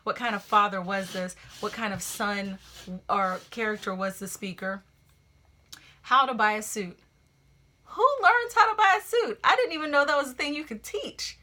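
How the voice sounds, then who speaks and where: A woman gives a relaxed, unscripted poetry lesson with a bright, clear edge to her voice. She talks in a lively way, jumping up in pitch when something excites her and restarting phrases as she thinks aloud. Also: normal speed. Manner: animated, conversational, with frequent restarts. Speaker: poetry teacher. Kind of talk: casual spoken lecture on poetry.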